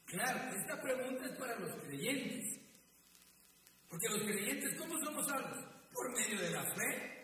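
A man's voice: very high-pitched, sing-song, measured pace, bright, forceful tone, slight background noise. A middle-aged man preaching a sermon in a church hall, often calling the listeners brother and repeating his words. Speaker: pastor. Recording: echoey hall, mic at a distance.

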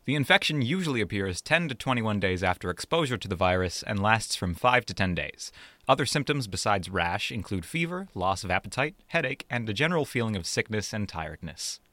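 A man's voice: fairly low pitch, expressive, brisk, pushed and bright, no room sound. A man co-hosting a podcast with scripted narration and dry, teasing banter. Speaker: podcast co-host.

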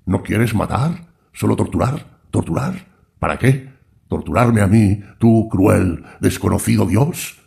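A man's voice: fairly low pitch, takes it slowly, vocal fry, darkish tone, exaggerated voice. A man voicing a trembling old man who cries out in anguish to an unknown god. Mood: anguished pleading. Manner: anguished pleading, rising cries.

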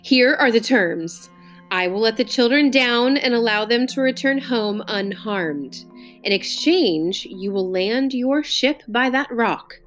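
A woman's voice: fairly high pitch, expressive, slow pace, a bit bright, faint music behind, voice pushed up. A woman doing a stern, raised-voice male captor. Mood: commanding. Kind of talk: audiobook character voice.

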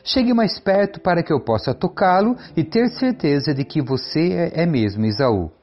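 A man's voice: on the high side, animated, moderate pace, dull audio. A man reading as an old blind father, solemn. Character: aged blind father blessing his son.

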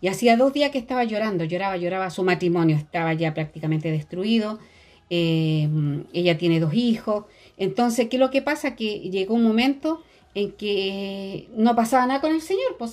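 A woman's voice: mid-range voice, moderate pace, a little mellow. Woman telling a testimony. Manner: storytelling, hesitant with fillers. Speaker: radio co-host.

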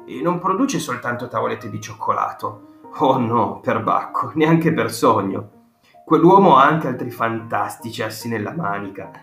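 A man voicing an excited ninety-six-year-old grandfather who tells stories with eager, emphatic exclamations, in a roomy audiobook recording with faint guitar music. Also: medium pitch, moderate pace, creaky. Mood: enthusiastic.

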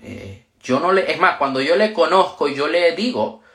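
A man telling a personal story on a livestream, animated and emotional, with sudden leaps in pitch. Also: moderate pace. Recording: roomy echo.

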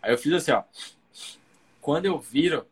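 A man's voice: fairly high pitch, lively intonation, normal speed, breathy edge. A young man from Cuiabá, a guest comedian, telling a long story in casual slang and acting out the other people in it. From Cuiabá, Brazil.

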